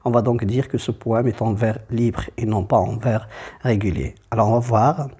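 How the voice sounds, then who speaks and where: A man's voice: on the low side, fairly even intonation, moderate pace, dark tone, husky. Patient man teaching poetry meter. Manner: patient, explains step by step, repeats key terms. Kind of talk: poetry lesson.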